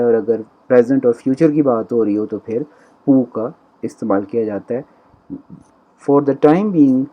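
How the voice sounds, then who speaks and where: A male language teacher giving a recorded lecture, explaining step by step and slowly repeating example sentences. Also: mid-range voice, lo-fi sound.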